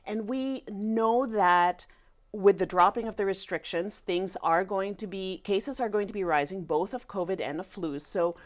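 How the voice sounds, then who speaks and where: A woman speaks as a guest family doctor in a broadcast interview. Her voice sits at a middle pitch, and she explains things conversationally, with emphatic phrasing and acted-out quotes. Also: a little slow.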